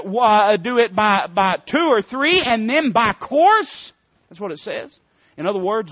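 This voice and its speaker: This Appalachian man from the United States preaches a fiery sermon, folksy and emphatic, full of rhetorical questions. He has a high voice, and the recording is dry and lo-fi.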